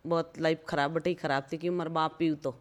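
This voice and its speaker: A woman in her fifties with a Marwari accent and a smooth, resonant voice. She tells personal stories in an interview, plain-spoken and often repeating phrases for emphasis. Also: sits low, fairly even intonation, a little fast. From rural Rajasthan, India. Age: 50s. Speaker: interview guest.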